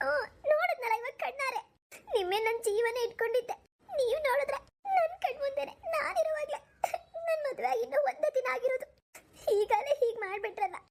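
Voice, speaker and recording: A woman's voice: very high voice, expressive, fairly quick. A woman voicing a hurt, weepy young newlywed bride in a cartoon, speaking in a tearful, reproachful way. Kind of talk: cartoon voice acting.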